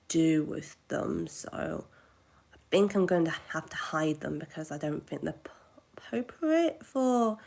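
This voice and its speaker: Slow-talking woman in her twenties. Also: deep voice, creaky. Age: 20s. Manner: halting, self-correcting, with soft asides. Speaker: livestreamer. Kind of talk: casual live Q&A chat.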